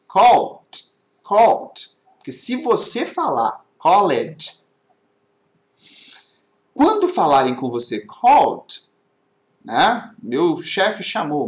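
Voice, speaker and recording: A man teaching an online English class, explaining with many rhetorical questions. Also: on the high side. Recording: echoey webinar audio.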